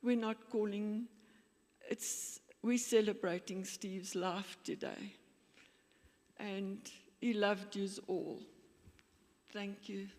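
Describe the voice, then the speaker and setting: A woman speaking slowly and with emotion at a memorial, thanking the people who supported her family. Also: mid-range voice, fairly even intonation, a little mellow. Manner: slow and emotional, with pauses. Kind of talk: memorial speech. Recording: long reverb of a hall.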